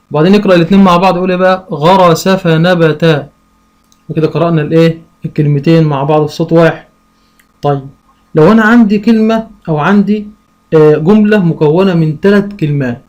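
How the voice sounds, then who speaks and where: A man with an Egyptian Arabic accent teaching parents how to teach reading, asking himself questions and drawing out syllables slowly. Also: fairly high pitch, darkish tone. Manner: slow, drawn-out syllable sounding; asks and answers his own questions. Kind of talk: lesson for parents.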